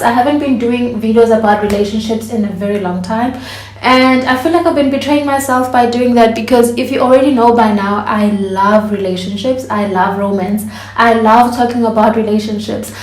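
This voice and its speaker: A woman's voice: a little high, moderate pace, slight background noise. A woman, chatting casually to camera as a vlogger and laughing often. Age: 20s. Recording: echoey room.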